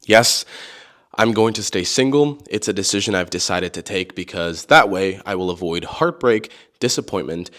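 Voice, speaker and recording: A man's voice: on the low side, a bit bright. A man giving teasing, motivational dating advice to his audience. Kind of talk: motivational talk.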